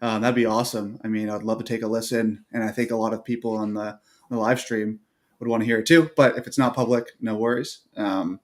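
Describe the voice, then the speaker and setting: A man co-hosting a casual livestream chat, walking through a product in a relaxed way with many fillers. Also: on the low side, fairly quick. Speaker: co-host.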